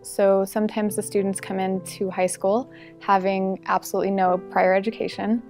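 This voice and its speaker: Gravelly-voiced teacher explaining her classroom. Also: medium pitch, little pitch movement, moderate pace. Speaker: English-as-a-second-language teacher. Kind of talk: interview testimonial. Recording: soft music bed underneath.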